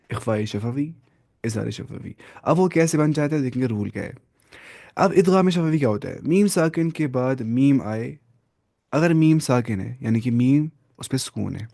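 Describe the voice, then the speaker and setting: A man's voice: mid-range voice, creaky, mellow, dry recording, studio quality. A man teaching Quran recitation rules step by step. He asks questions, answers them himself, repeats key terms and drops English words into his explanations. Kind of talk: step-by-step tajweed lesson.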